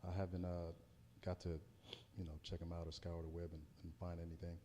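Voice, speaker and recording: A man's voice: sits low, monotone, brisk, dark tone, long reverb tail, slight background noise. An American man, a heavyweight boxer, giving a casual pre-fight interview in a hesitant, circling way. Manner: hesitant, circling, repeats words.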